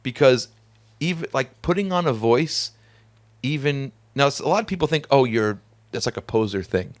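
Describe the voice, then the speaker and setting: Man, podcast host, casual chat, talkative, animated, laughs often, studio. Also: mid-range voice, normal speed.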